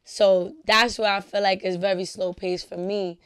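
A woman's voice: mid-range voice, little pitch movement, normal speed, fairly bright tone, clean tone, no room sound, studio quality. A young woman from the Bronx with a New York accent, chatting bluntly and swearing freely as a podcast guest. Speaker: guest musician. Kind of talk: casual podcast chat.

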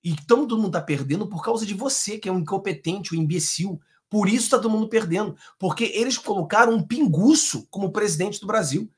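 A man's voice: high voice, expressive, a little fast, few pauses. A man from Brazil giving combative, sarcastic political commentary over video clips.

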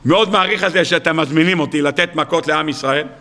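A rabbi doing a stubborn ancient king in a sermon story, grumbling as he refuses. The voice is slightly lower than usual, yet still bright and clear. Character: boastful ancient king, man, wary and stubborn.

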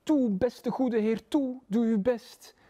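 A man's voice: very high voice, mellow, voice pushed up, full character voice. A man with a Flemish accent voicing a nervous little male pig who rambles and pleads in a storybook reading. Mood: pleading. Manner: breathless rambling, pleading, fast.

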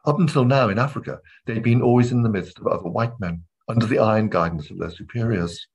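A male academic lecturing on literature in a measured, deliberate way. His voice sits low and carries a slightly husky grain throughout. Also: poor audio. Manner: measured, reads quoted passages aloud between comments. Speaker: literature professor giving a lecture.

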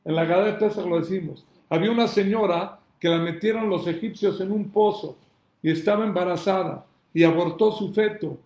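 Male rabbi, fiery question-and-answer sermon delivery, high-pitched, recorded in a reverberant room. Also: a little fast. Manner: emphatic preacher, asks and answers his own questions, shouts calls to God.

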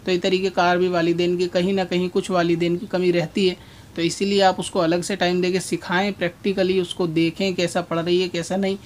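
A man answering a religious question about prayer in a steady explanatory way, pausing now and then with "aa". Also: sits high. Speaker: Islamic scholar answering a question.

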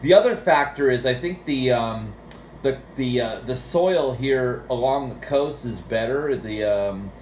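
Speaking a little slowly in a mid-range voice, an American man rambles casually about technical topics as a radio operator. Background radio noise runs through the roomy recording.

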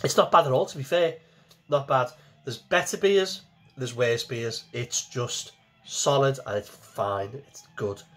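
Husky-voiced man reviewing beer. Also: mid-range voice, a little slow, a bit bright, soft background music. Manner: chatty, repeats himself, plain-spoken. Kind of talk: casual beer review to camera. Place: small home kitchen, indoors.

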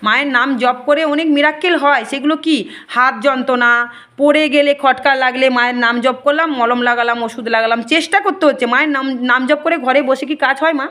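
Fast-talking, high-voiced woman healer. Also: steady tone, a bit bright. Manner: earnest, repetitive, often asks "ঠিক আছে?". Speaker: spiritual healer. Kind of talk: addressing devotees and viewers.

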